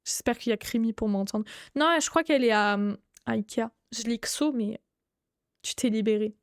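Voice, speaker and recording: A young woman streaming live, chatting casually with her viewers, greeting them by name and breaking into excited outbursts. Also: a little high, moderate pace, dry recording, studio quality.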